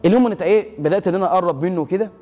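A man's voice: high-pitched, rapid-fire, big-room sound. A man preaching in an Egyptian Arabic accent, telling stories animatedly and acting out the dialogue. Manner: animated storyteller, acts out dialogue, swears oaths for emphasis. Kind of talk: storytelling sermon.

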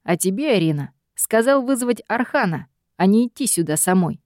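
A woman voicing a domineering male demon boss who speaks in a calm, lazy, mocking way. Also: mid-range voice, moderate pace, dry recording, studio quality, natural voice. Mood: smug.

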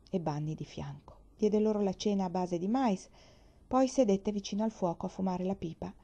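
A woman reading a children's novel aloud, narrating in a calm, measured way. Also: medium pitch, husky. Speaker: audiobook reader. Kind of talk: scripted storybook narration. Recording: muffled lo-fi recording.

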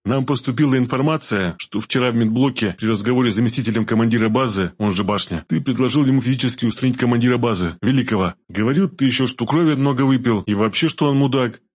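A man voicing a male security interrogator who talks slowly in a mock-soothing way that hides menace. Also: medium pitch, lightly acted. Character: male security man, coaxing then threatening.

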